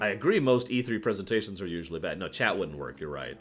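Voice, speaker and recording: A man hosts a livestream, talking over music in a low-pitched, animated voice at a quick pace. He chats casually and opinionatedly with his viewers, emphatic and conversational, and breaks off now and then to address the chat.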